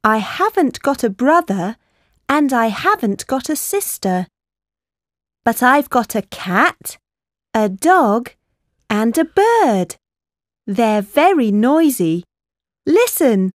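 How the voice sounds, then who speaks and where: A woman voicing a lively young girl. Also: on the high side, takes it slowly, pauses often, no room sound, studio quality. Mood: cheerful. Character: young girl character with pets. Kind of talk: slow scripted textbook reading.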